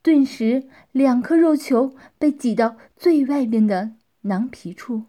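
A woman narrating a story, often dropping into soft, half-whispered passages. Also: high-pitched, animated, slow pace.

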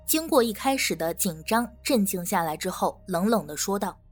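A woman narrating an audio drama with expressive storytelling, over faint music. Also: medium pitch, normal speed, husky.

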